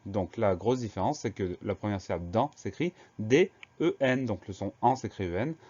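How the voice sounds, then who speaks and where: A man teaching a spelling lesson to schoolchildren, spelling words out letter by letter in a slow, careful way. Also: on the low side, expressive, darkish tone. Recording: slightly dull lo-fi sound.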